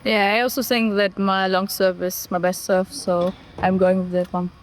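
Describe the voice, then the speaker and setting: Flat-toned woman athlete in her twenties. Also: medium pitch, moderate pace, slight background noise. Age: 20s.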